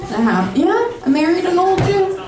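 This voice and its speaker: A woman's voice: extremely high pitch, very animated, moderate pace, recorded from a distance. A woman in her thirties performing a brash, sarcastic stand-up comedy set. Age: 30s. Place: comedy club stage with a live audience. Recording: echoey room, mic heard from afar, crowd laughter. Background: audience laughing.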